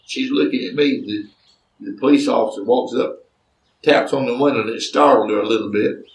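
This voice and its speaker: Recorded roomily and far from the microphone, a gravelly-voiced man from Chambers County, Alabama, speaks briskly in a mid-range tone. He relates a folksy family story in his Southern accent, with drawling asides.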